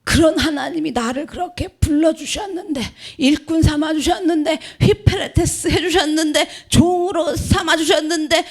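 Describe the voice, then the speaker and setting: A woman's voice: high-pitched, moderate pace, hardly any pauses. A woman pastor giving an emphatic sermon, asking the congregation questions and acting out complaining believers.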